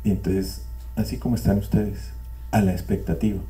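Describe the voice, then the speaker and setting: This older man speaks to a group at a spiritual community meeting, offering a reflective and repetitive testimony with wry asides before a live audience. The voice is fairly low and mellow, with fairly even intonation and a moderate pace, and the mic sits far away.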